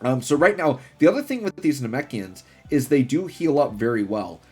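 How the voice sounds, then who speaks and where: Excited, rambling male gaming commentator. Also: medium pitch, moderate pace, breathy edge. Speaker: gaming video host. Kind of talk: gameplay commentary, casual hype chat. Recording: music behind the voice. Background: music.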